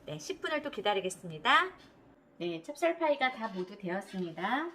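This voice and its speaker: A woman's voice: mid-range voice, very animated, moderate pace, bright, forceful tone, slight background noise. A middle-aged woman giving a friendly step-by-step cooking demonstration, repeating her cues as she works. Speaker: cooking instructor.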